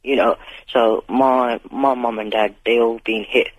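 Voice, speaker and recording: Calling a radio phone-in over the telephone, a 15-year-old Londoner speaks in a steady, medium-pitched voice, unhurried and with no room sound. He chats candidly and informally, leaning on emphatic slang and repeating what he says.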